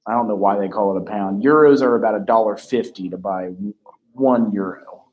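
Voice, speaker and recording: A man giving casual spoken commentary on a documentary, thinking out loud and pausing to work things out. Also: lowish voice, narrow, tinny audio. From United States. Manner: musing, thinks out loud with pauses.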